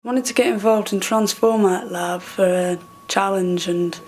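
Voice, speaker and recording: A woman's voice: medium pitch, normal speed, darkish tone. A woman in her twenties answering interview questions in a composed, fluent way. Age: 20s. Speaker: graphics designer, interviewee.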